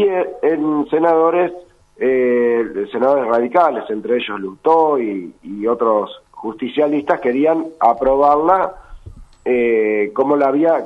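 A sick Argentine man with a hoarse, sepulchral voice, giving halting, deliberate political commentary in a live phone interview. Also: mid-range voice. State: sick with a virus. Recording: tinny phone line on radio.

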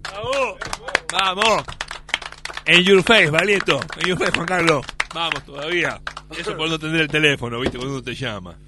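Hosting on the radio, this Argentine man in his fifties keeps up slangy, joking banter and returns to his catchphrases again and again. His voice sits on the high side at a moderate pace, against a noisy background.

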